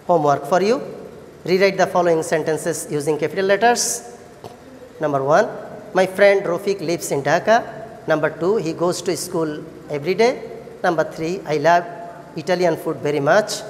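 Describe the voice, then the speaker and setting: A woman with a Bangladeshi accent teaching an English lesson to children, encouraging and praising like a kids show host, with deliberate sing-song questions. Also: low-pitched, a little mellow, slight background noise. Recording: echoey hall-like reverb.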